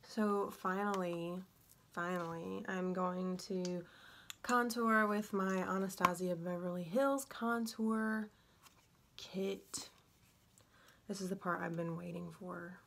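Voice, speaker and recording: A woman's voice: on the low side, fairly even intonation, takes it slowly, vocal fry, fairly bright tone, a little hiss or hum. A young woman chatting casually through a makeup tutorial, drowsy and scattered, talking with a sore, barely opened mouth after having her wisdom teeth out. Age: young adult. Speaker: beauty vlogger. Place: indoor room at home. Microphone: phone on a stand at about arm's length.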